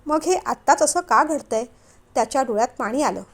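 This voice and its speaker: A woman narrating a family novel as a storyteller, in a steady, measured reading. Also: high voice.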